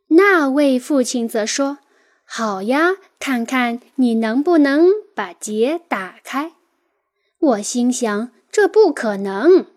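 A woman narrating a nonfiction book in a calm, measured first-person reading. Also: sits high. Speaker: audiobook narrator.

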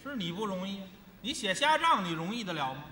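A man's voice: high voice, sing-song, brisk, bright, forceful tone, long reverb tail, a little hiss or hum. A man acting as the straight man in a crosstalk comedy act, feeding short prompts and teasing retorts.

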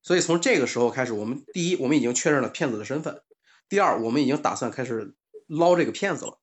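A man's voice: medium pitch, lively intonation, fast, muffled recording. A man in a casual panel chat, telling a personal story and acting out the dialogue, with plenty of fillers and restarts.

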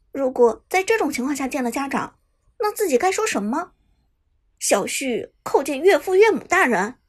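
A woman narrating a web novel audiobook with expressive storytelling. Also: high-pitched, husky.

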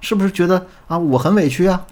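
A man's voice: high voice, quick pace, darkish tone, pitched above the performer's own voice, natural voice. A man voicing an upset young wife who pleads and complains about her husband. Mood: aggrieved. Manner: pleading, plaintive.

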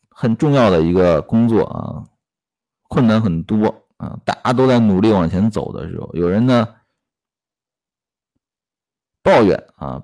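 A man's voice: fairly low pitch, darkish tone. A man retelling a classic novel episode and commenting on it, with frequent fillers and rhetorical questions. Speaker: storyteller and commentator. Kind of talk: storytelling with workplace commentary.

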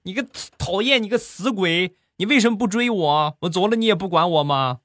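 A man voicing a shrill, angry young wife who petulantly scolds her husband in a comedy monologue. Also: animated, fairly quick, a bit bright, no room sound, studio quality.

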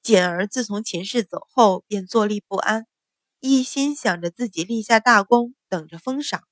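A woman narrating a story in a steady, even reading voice, acting out the dialogue of its characters. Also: mid-range voice, moderate pace, no echo, studio quality.

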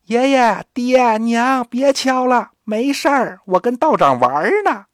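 A man's voice: medium pitch, big pitch swings, normal speed, no room sound, clean studio sound, close to an everyday voice. A man voicing a small boy who talks like a grumbling grown man, cheeky and complaining. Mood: cheerful shouting. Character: small boy speaking with a grown man's memory.

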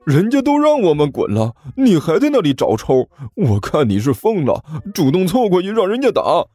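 A man voicing a whiny younger sworn brother who begs, high and fast, in a husky voice with soft music behind. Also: huge pitch swings, no room sound, exaggerated voice. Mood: mocking. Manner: high, fast, wheedling and begging.

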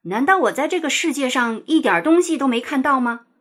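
A woman's voice: on the high side, lively intonation, moderate pace, slightly rough. A woman voicing an anxious, fussy old hen in a children's storybook, talking in a fretful, pleading way. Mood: indignant.

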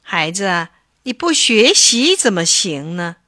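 一位女士在故事朗读中扮演一位慈爱耐心的猫妈妈，语气轻柔、循循善诱。. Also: female voice, mid-range voice, sing-song, slow, dry recording, studio quality, heavily acted. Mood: coaxing. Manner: gentle, coaxing. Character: patient loving mother cat. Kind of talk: storybook reading.

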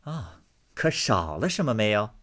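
A man's voice: lowish voice, sing-song, unhurried, a bit bright. A man voicing a shrewd, jealous noblewoman with a cold, sarcastic way of speaking.

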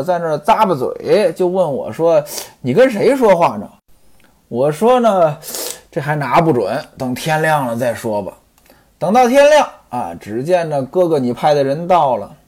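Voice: mid-range voice, a little mellow. A storyteller voicing a sly, talkative middle-aged man recounting a bad dream to his friend. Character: sly middle-aged male hanger-on, chatty.

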